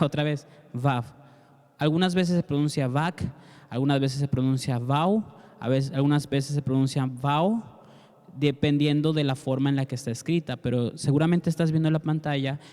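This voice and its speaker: A man's voice: fairly high pitch, darkish tone, smooth. A man teaching a Bible class, speaking earnestly and directly to the listener, and leading a prayer. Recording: long reverb.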